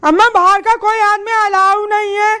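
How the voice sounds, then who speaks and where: A woman's voice: very high voice, flat delivery, moderate pace, bright, forceful tone. A young woman plays a defiant daughter arguing back in a comedy drama. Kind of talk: scripted comedy drama dialogue.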